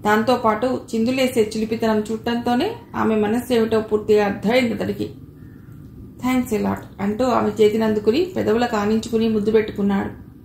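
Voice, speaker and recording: A woman's voice: a little high, flat delivery, brisk, gravelly, a little mellow. Woman narrating a novel, echoey room. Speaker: audiobook narrator. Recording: echoey room with faint noise.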